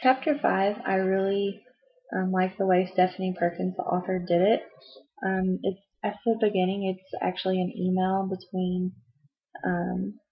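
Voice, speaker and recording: Young woman, casual book vlogger, husky flat delivery, muffled home-video sound. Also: medium pitch, a little slow. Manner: chatty, rambling, frequent "um" and "like", laughs at herself. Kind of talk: casual book review chat.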